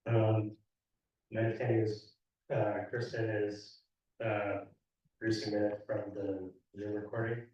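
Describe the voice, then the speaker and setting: A man's voice: fairly low pitch, flat delivery, dull audio. Distant hesitant man in a very echoey room. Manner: hesitant, halting, soft-spoken. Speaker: meeting participant. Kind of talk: town meeting discussion.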